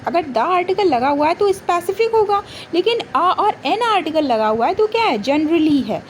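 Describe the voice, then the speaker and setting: A woman teaching grammar for an exam. She asks questions and answers them herself, and reads English rules slowly before she explains them. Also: very high-pitched, slight background noise. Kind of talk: exam-prep grammar lesson.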